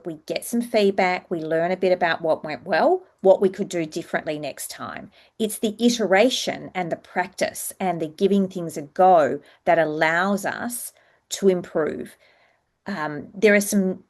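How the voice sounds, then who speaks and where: A woman working as a public speaking coach, giving a structured, instructive presentation with clear explanations. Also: lowish voice.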